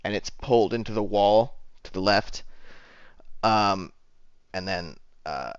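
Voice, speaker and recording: A man runs a tabletop game as game master, narrating in a halting way with many fillers. His voice is a bit low. The audio is dull and dry. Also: clear, resonant tone, no room sound.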